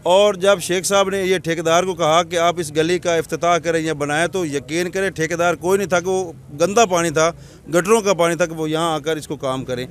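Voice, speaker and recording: A middle-aged man with a Punjabi accent speaks into a handheld mic on a crowded street, in a slightly high voice. He is a local councillor giving an earnest, rambling account in a street interview. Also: moderate pace, a little hiss or hum. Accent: Punjabi-accented Urdu. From Pakistan. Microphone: handheld reporter mic.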